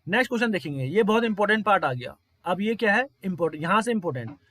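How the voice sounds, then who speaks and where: Brief: male tutor, high voice, dry close sound, repetitive step-by-step explainer. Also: expressive, rapid-fire, a bit bright, no echo. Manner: repetitive, quizzes listeners often. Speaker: teacher. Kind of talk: explaining exam problems step by step.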